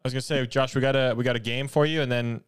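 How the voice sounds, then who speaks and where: A man's voice: medium pitch, fairly even intonation, racing, clear, resonant tone, no echo. Bro-ish man hosting, clean and close. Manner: bro-ish, slangy, swearing. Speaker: podcast host. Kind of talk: casual podcast chat.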